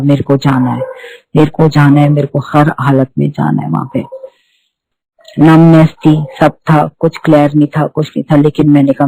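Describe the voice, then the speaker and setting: Her voice sits low, creaky and dark with a breathy edge, as a middle-aged devotee gives an earnest spiritual testimony. She repeats herself and restarts often. The recording is dry and of poor quality.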